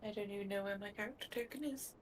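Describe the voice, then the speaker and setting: A woman's voice: medium pitch, very fast, far from the mic. A woman chatting casually as a player in a tabletop game. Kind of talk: casual chat.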